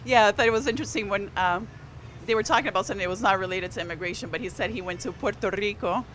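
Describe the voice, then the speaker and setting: Speaking very fast in a mid-range, fairly bright voice, a Portuguese-native newspaper columnist discusses politics on a live stream. The audio is poor, with a little hiss or hum. She's chatty, with fillers and restarts, and gets more energetic on key points.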